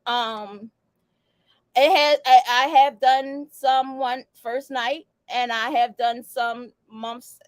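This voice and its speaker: A woman's voice: on the high side, fairly even intonation, takes it slowly, clean tone, dry recording. A woman hosting a casual talk show, slangy and loose, laughing often. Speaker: podcast host. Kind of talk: casual chat.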